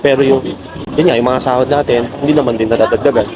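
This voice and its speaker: Speaking at a quick pace, a Filipino man with a mid-range voice and fairly even intonation vlogs his nighttime walk through a city. He's chatty, mixes Tagalog and English, and calls the audience "guys," while the noisy outdoor recording picks up traffic and street sounds.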